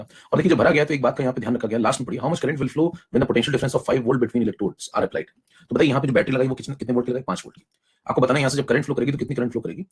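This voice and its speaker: A young adult man teaching chemistry in a live online class, coaxing students along and saving his voice by speaking softly. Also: medium pitch, breathy edge. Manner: rapid, coaxing, mixes in English technical terms.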